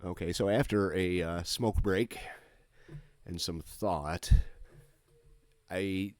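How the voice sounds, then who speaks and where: A man with a very deep voice talks through a strategy game he is playing. He is casual and low-key, thinking aloud, and the sound is close and dry. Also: fairly even intonation, takes it slowly, darkish tone, dry recording. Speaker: gamer commentating on his own play. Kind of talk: casual gameplay commentary.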